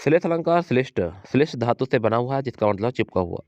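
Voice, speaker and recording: Man teaching exam prep, mellow and dry. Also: medium pitch, expressive, no room sound. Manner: repeats key points, quizzes students rhetorically; slows to recite verse lines. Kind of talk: exam coaching lesson. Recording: dry, dull lo-fi sound.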